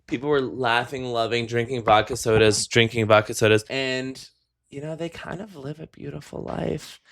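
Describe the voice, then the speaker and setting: A man's voice: medium pitch, moderate pace, a bit bright. A young man co-hosting a podcast in casual chat, campy and playful, from New York. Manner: campy, playful, says "honey". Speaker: podcast co-host.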